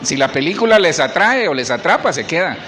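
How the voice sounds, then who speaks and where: A man's voice: on the high side, sing-song, fairly quick, a bit bright, faint music behind. A middle-aged man, a pastor preaching a sermon in church and asking the congregation questions. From Honduras.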